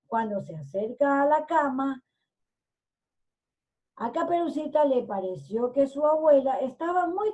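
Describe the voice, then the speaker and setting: A woman's voice: high-pitched, a little mellow, dull audio. A woman teacher telling a storybook to children, stopping often to explain and to check that they follow. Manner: explains with frequent "¿no es cierto?" checks.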